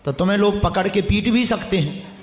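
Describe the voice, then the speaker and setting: A man's voice: high voice, brisk, a little hiss or hum. A man as a religious preacher addressing a packed stadium crowd and teasing audience members. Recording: echoey stadium sound.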